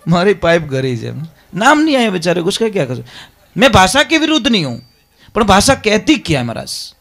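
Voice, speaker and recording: Man, preacher, high-pitched voice, emphatic devotional sermon. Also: vocal fry, a bit bright. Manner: emphatic, repeatedly addresses listeners as maharaj. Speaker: religious preacher.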